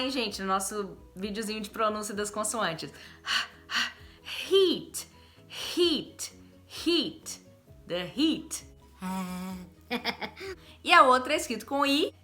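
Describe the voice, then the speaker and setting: A woman's voice: fairly high pitch, bright, forceful tone. A Brazilian woman teaching English pronunciation in Brazilian Portuguese, exaggerating and stretching each vowel as she demonstrates it. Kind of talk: pronunciation lesson.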